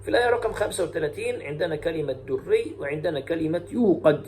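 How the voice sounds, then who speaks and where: Mellow-voiced man teaching Quran recitation. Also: fairly high pitch, expressive. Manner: alternates brisk explanation with slow melodic chanting of verses. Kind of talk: lesson on variant Quran readings.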